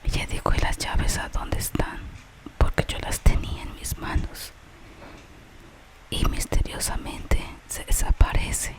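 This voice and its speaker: Slow, whispered ASMR storyteller. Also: poor audio. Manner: whispers throughout, slow and unhurried. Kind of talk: whispered ASMR storytelling of a gentle tale with a moral.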